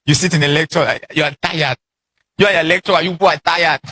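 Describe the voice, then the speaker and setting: A man's voice: a little high, fairly even intonation, brisk, bright, forceful tone, a little hiss or hum. A man giving a motivational seminar talk, exhorting the audience with repeated lines and questions. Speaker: seminar speaker.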